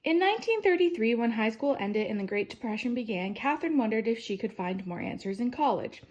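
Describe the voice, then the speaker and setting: In animated storytime fashion, a woman with a somewhat high voice reads a picture-book biography aloud to children. She lands hard on the start of each sentence, phrases things deliberately, and eases off softly at the end.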